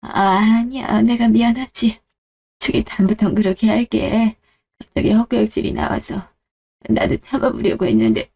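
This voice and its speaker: A woman's voice: on the high side, expressive, moderate pace, vocal fry, dark tone. A woman voicing a frail, sick elderly mother who speaks meekly and apologetically. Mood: apologetic. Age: older. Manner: meek, apologetic.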